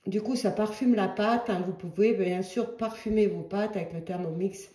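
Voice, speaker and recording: A woman's voice: mid-range voice, moderate pace, warm tone, echoey room. Chatty woman demonstrating a recipe. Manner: chatty, hesitant with many fillers. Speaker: Thermomix cooking demonstrator. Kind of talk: casual cooking demonstration. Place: home kitchen.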